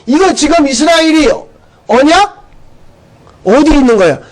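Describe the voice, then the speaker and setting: A man's voice: very high voice, lively intonation, a little slow, low-quality recording. A man pastor preaching a sermon, emphatic and full of rhetorical questions, telling stories to make his point.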